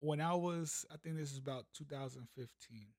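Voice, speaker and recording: A man's voice: fairly high pitch, moderate pace, no room sound. A man, telling a motivational story in a casual, slangy way as a podcast host. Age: 30s. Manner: laid-back, conversational, slangy.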